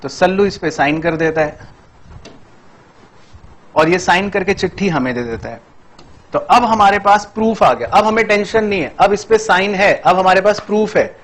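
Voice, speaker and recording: एक पुरुष अकाउंट्स शिक्षक छात्रों को पढ़ा रहा है, छोटे-छोटे किस्सों और संवादों से उदाहरण देकर समझाता है।. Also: male voice, sits high, normal speed, a bit bright. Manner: playful storytelling, acts out little dialogues for students. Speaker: accounts teacher. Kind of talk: classroom lecture with story examples.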